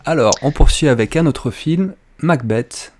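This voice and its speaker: Easygoing male host steering a casual chat, quick to poke fun at himself. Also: medium pitch, a loud crowd. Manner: light-hearted, jokes about himself. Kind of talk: casual interview talk.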